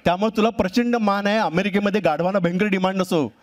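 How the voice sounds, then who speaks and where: A man's voice: high-pitched, steady tone, fast talker, natural voice. A man voicing a father donkey who coaxes and advises his child. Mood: coaxing. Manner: coaxing, advising.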